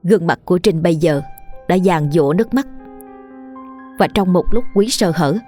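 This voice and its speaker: Woman reading a scary story, lowish voice, steady pace, soft music behind. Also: normal speed. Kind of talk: scripted horror story narration.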